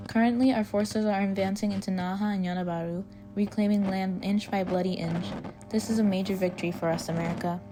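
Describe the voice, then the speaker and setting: A woman's voice: medium pitch, steady tone, fairly quick, dark tone, a little hiss or hum, natural voice. A woman playing a solemn, patriotic 1940s wartime radio news reporter, reading a formal, earnest script. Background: music.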